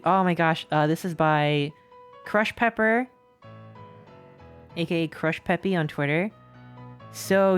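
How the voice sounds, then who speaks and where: A streamer gushing over fan art in casual live-stream chat, excitable and repeating itself, a little out of breath. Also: mid-range voice, clear, resonant tone. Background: faint background music.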